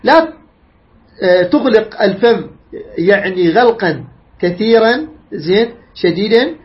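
A man's voice: high voice, lively intonation, a little slow. A man gives a tajweed lesson. He explains patiently, demonstrates each sound aloud and keeps quizzing his listeners. The recording sounds a little dull and lo-fi. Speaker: Quran recitation teacher.

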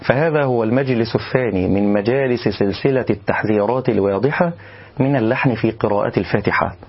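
Male tajweed teacher, measured explanation with slow melodic demos, slightly dull recording. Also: medium pitch. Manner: explains calmly, then demonstrates recitation slowly and melodiously. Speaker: Quran recitation teacher. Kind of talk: tajweed lesson.

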